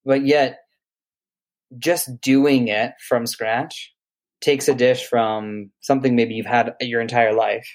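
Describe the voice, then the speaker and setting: A man's voice: mid-range voice, fairly even intonation, takes it slowly. A man, a private chef, chatting casually and at length about food with enthusiasm. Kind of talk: casual conversation.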